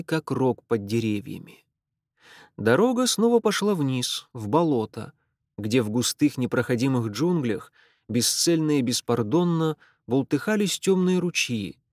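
A man narrates a literary story at a measured, expressive pace in a mid-range voice. The recording is dry and close, with no room sound. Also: mid-range voice, dry recording.

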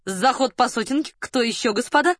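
Brief: woman playing a rowdy young hussar gambler, loud, raised pitch, dry booth sound. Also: fairly quick, no room sound, close to an everyday voice. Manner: loud, eager, rollicking. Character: dashing reckless male hussar count, boisterous gambler.

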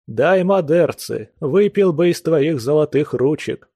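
A man's voice: fairly high pitch, expressive, measured pace, warm tone, breathy edge, dry recording, studio quality, pitched above the performer's own voice, heavily acted. A man voicing a maudlin drunken old house guest. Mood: drunken pleading. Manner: wailing, churchy pompous phrasing.

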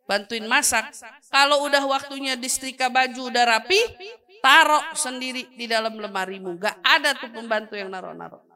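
A woman preacher giving a lively sermon to a women's gathering in a casual manner, acting out quoted voices. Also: sits high. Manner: lively, acts out quoted voices, laughs often.

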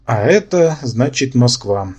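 A man's voice: medium pitch, animated, slow pace, a little mellow, breathy edge. A man voicing an irritable male half-demon hero who speaks dryly and sarcastically, in an audiobook. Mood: sarcastic. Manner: dry, sarcastic.

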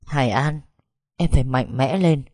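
A woman voicing a calm male rescuer in an audio story, steady and soothing. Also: rumbling low, moderate pace, no room sound, clean studio sound. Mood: reassuring.

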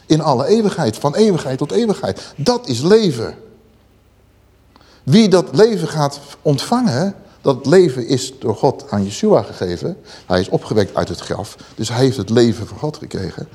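A man's voice: medium pitch, big pitch swings, moderate pace, warm tone, breathy edge. A man preaching a sermon, explaining scripture with questions to the listeners and dramatic readings.

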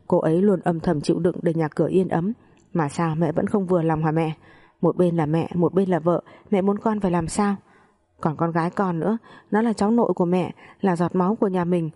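A young husband from a spoken family story, angry and reproachful as he defends his wife. A woman reads him in a low, dark voice. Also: lightly acted. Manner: pleading, reproachful.

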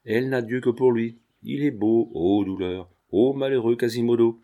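A man's voice: mid-range voice, normal speed, warm tone, close to an everyday voice. A man voicing a lovesick young artist speaking in a melancholy, brooding way. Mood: mournful.

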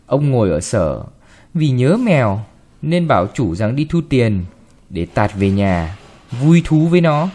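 A man reading a short story aloud with expressive, varied delivery. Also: medium pitch, a little slow. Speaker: narrator.

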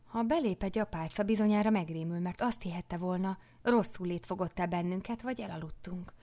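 A woman narrating a novel in the first person for an audiobook, hushed and often dropping into a whisper. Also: lowish voice.

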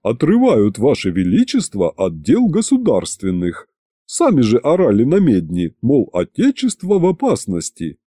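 Brief: buttoned-up palace servant, flat formal delivery, narrator's voice. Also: male voice, mid-range voice, normal speed, slightly rough, dry recording, studio quality. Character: stiff formal male royal courtier.

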